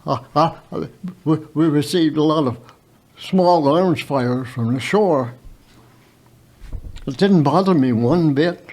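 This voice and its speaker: Very old man, slow and halting. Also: on the high side, a little mellow. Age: very old, around 100. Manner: halting, with repeated words and stammered starts. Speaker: war veteran guest. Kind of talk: unscripted personal storytelling.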